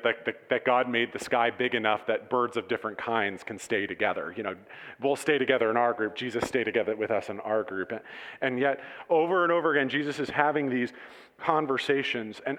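A man gives a relaxed, conversational sermon, talking to his congregation like friends and tossing questions out for them to answer. His voice sits at an ordinary pitch for a man. The sound rings with the long reverb of a church hall. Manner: casual and animated, asks the congregation questions. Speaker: pastor.

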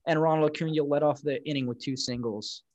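A man's voice: fairly high pitch, steady tone, quick pace, darkish tone, dry recording, lo-fi sound. Rambling man recapping a ballgame. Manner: rambling, recaps plays with frequent fillers. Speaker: podcast co-host. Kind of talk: casual sports chat.

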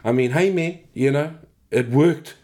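A middle-aged New Zealand man speaks candidly and bluntly as an interview guest in a casual conversation, swearing freely and sprinkling in "you know" and "man." His voice is a little high and a little mellow, with a measured pace.

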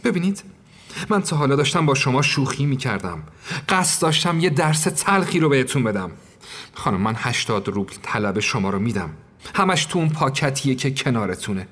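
A man's voice: medium pitch, big pitch swings, a bit bright. A man playing a stingy, pedantic employer who lectures and counts out money aloud. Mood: indignant. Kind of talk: audio drama acting. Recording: long reverb.

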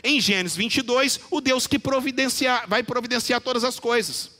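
A man preaching a sermon in a church, addressing listeners by name and quoting scripture slowly and with emphasis. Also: very high voice, bright, forceful tone. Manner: preaches with rising emphasis, quoting scripture with slow deliberate phrasing. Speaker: pastor. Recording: long reverb of a church hall.

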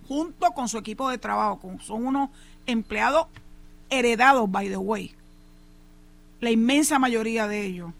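Hosting a show, a Puerto Rican woman comments forcefully on local news, slipping in remarks in English. She speaks in a fairly high, slightly bright voice.

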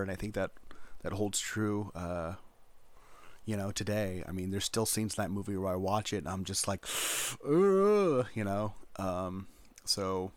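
Low-voiced rambling male podcast host. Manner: rambling, many fillers and restarts. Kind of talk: casual chat.

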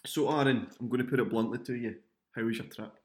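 A man's voice: mid-range voice, steady tone, fast talker, a little mellow. A man hosting a casual, jokey podcast, recorded on a laptop microphone with a muffled, underwater sound. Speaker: podcast host. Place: indoors at a friend's home.

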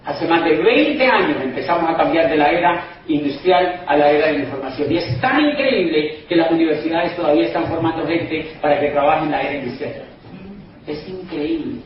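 A man with a high voice delivers a persuasive, insistent speech, hammering points home and turning to the audience again and again. He sounds far from the microphone in a very echoey hall. The sound is dull and carries a faint background hiss. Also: expressive, brisk. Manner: emphatic, repetitive, keeps addressing the crowd as "señores". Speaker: motivational business speaker. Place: event hall in Madrid.

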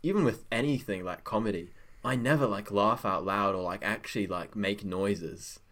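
A man's voice: lowish voice, moderate pace, a bit bright. A young man on a podcast, gushing about a film in rambling casual chat full of fillers. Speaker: guest.

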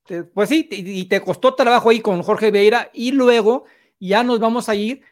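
A man's voice: high-pitched, moderate pace. A man hosting an interview, asking long, rambling questions. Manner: long rambling questions, frequent short backchannels. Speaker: interviewer, host. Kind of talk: casual interview.

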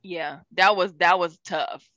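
A woman's voice: fairly low pitch, steady tone, slow pace, sharp tone, no room sound. Rambling woman, dry close sound. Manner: loose, rambling, lots of fillers like "you know". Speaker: podcast co-host. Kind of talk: casual film discussion.

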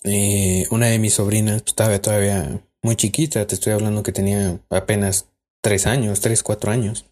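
A podcast co-host with a Mexican accent tells a spooky personal story in casual, rambling chat full of fillers and restarts. His voice is on the low side and a little mellow, with little pitch movement, and he talks fairly quickly.

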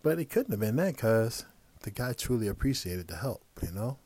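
A man's voice: medium pitch, very animated, normal speed, a little mellow, husky, no room sound. A man hosting a podcast, telling a personal story in a casual, conversational way with chuckling asides. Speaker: podcast host.

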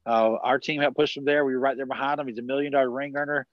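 A rambling podcast guest over a video call, this man in his forties is a network marketer with a rural South Carolina accent, full of restarts and fillers in a casual conversational interview. His medium-pitched voice stays steady and moves at a quick pace. The audio is dull, with no room sound.

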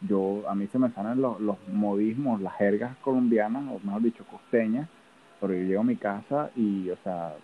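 A man's voice: fairly low pitch, normal speed, phone-quality sound, slight background noise. Playful venezuelan guy, chatty podcast co-host. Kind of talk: casual chat.

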